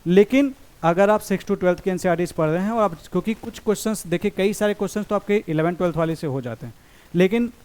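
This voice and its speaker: A young man giving an exam strategy lecture in Hindi and English. He reads quoted exam statements slowly and explains the rest briskly. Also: high-pitched, darkish tone, clear, resonant tone. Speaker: exam coaching teacher.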